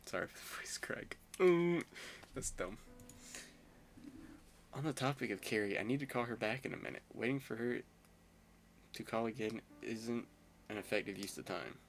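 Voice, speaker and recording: A man's voice: mid-range voice, lively intonation, moderate pace, pauses often, soft background music. A young man playing a visual novel, reading the narration aloud and mixing in chatty, self-mocking asides. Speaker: gamer.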